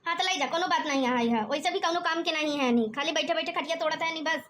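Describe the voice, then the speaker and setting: A woman voicing a sharp-tongued village wife in a cartoon, speaking curtly and scoldingly with an Awadhi accent. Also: high-pitched, fast talker, slight background noise. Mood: dismissive. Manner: scolding, curt. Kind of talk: cartoon voice acting.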